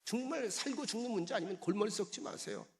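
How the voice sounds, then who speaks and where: A man's voice: high voice, expressive, quick pace. A male pastor preaching a sermon emphatically, calling on the congregation to respond and repeat after him. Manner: acts out quoted voices in conversational asides.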